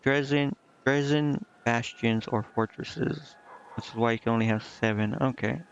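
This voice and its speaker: This streamer has a medium-pitched, creaky voice, talks at a moderate pace, and there's slight background noise. He gives informal game commentary, reads things aloud, and frequently mutters to himself, all over game music in muffled lo-fi audio.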